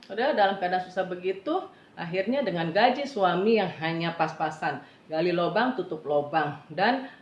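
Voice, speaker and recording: A middle-aged woman giving a personal faith testimony in an earnest, halting way, often turning to address her listeners directly. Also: lowish voice. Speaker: testimony speaker. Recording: roomy, dull lo-fi recording.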